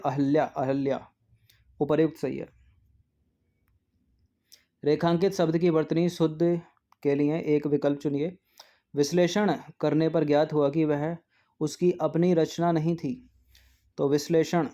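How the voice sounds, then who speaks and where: A man teaching an exam-prep lesson who goes through answer options aloud and repeats each word slowly. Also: fairly high pitch, gravelly, warm tone. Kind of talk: explanatory lesson on spelling.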